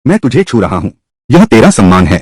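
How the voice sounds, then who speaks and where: A man's voice: fairly low pitch, very animated, brisk, no echo. A man dubbing a cruel, lecherous general who speaks with leering contempt. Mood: contemptuous. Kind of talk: Hindi drama dub.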